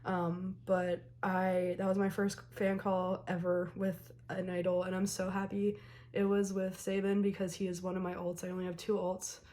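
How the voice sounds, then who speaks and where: Still hoarse from a recent illness, a young woman with a fairly low-pitched voice unboxes a K-pop album for her viewers. Her chatter is casual, friendly and peppered with "um"s. Even through her scratchy, slightly worn throat, her excitement comes across clearly.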